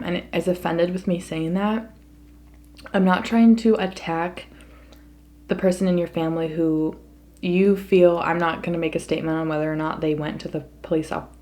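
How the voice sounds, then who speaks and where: A woman's voice: on the low side, darkish tone. An American woman talking casually to her viewers in an opinion monologue, earnest and emphatic. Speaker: mukbang vlogger.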